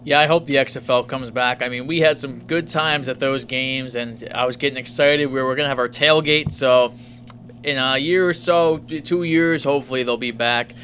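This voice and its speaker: A man's voice: medium pitch, steady tone, normal speed, fairly bright tone, slight background noise. Upbeat man hosting sports chat. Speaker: podcast host.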